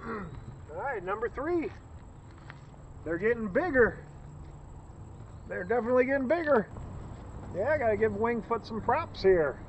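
A middle-aged man from Northeast Ohio with a local accent, chatting excitedly and joking as he films a fishing trip outdoors by a lake, recorded on a bagged camera. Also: extremely high pitch, measured pace, long pauses, muffled recording. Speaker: fishing vlogger. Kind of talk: casual outdoor commentary. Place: lakeshore outdoors in the rain. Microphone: camera on a stand, bagged against rain. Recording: outdoor camera audio with noise.

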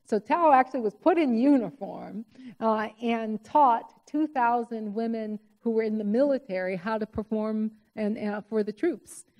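A woman presenting at a conference, guiding the story in a lively way with many fillers. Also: a little high, moderate pace. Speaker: co-presenter and moderator. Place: lecture hall. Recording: hall reverb.

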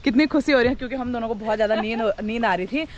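A woman's voice: a little high, very fast, muffled recording, a loud crowd. A young woman from Uttarakhand, India, chatting and teasing as she hosts a village vlog. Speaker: vlogger. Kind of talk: casual vlog narration. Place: village outdoors.

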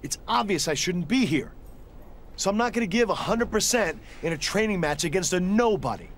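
A man's voice: high voice, expressive, normal speed, slight background noise. An actor playing a condescending, arrogant young male wrestler in a video game. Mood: dismissive.

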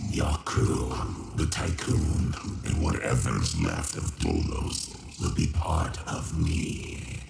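An actor voicing a monstrous machine villain in a sci-fi game, with a deep, growling voice and slow, grandiose, contemptuous menace. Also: male voice, vocal fry, heavily acted. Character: monstrous male AI villain, devouring, contemptuous, megalomaniac. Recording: roomy echo, loud noise behind.

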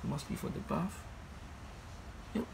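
A man's voice: slow, noisy background. A man walks through an indoor storage unit, filming on a handheld phone and listing its contents plainly, with many fillers. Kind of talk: walkthrough commentary. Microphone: phone camera held in hand.

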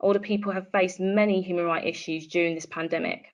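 A woman narrates a scripted piece with calm, steady delivery. Her voice sits slightly low. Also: fast talker, muffled recording.

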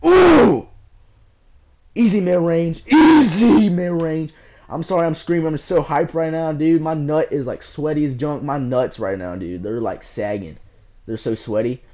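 Hyped young man yelling over gameplay. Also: a little high, fairly even intonation, normal speed. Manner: hyped, shouting bursts, slangy trash talk. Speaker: gaming channel host. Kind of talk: excited gameplay commentary.

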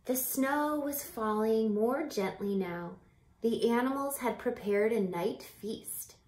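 With a fairly high pitch, a woman in her thirties gives an expressive, teacher-style reading of a children's picture book, lingering on phrases, lowering to whispers, and chatting to her young listeners in between. The setting is a small home room by a window, and the recording echoes from the home camera mic.

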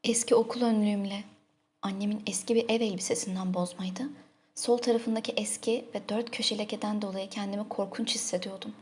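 A woman narrating a literary audiobook in a soft, intimate, emotive manner. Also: mid-range voice, steady tone, a little fast.

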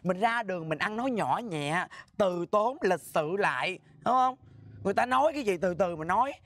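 An actor playing a sassy, sharp-tongued flamboyant man in a comic scolding rant. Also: high voice, expressive, rapid-fire, dry recording. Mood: lecturing. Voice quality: sassy, nagging, theatrical. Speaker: comedy sketch actor.

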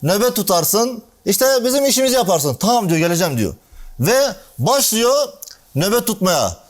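A male preacher with a fairly high voice tells a religious story to a small gathering. He acts out the characters' lines with lively shifts in pitch and turns now and then to speak to listeners by name. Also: moderate pace. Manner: animated storytelling, acting out dialogue with shifting pitch; addresses listeners directly by name.

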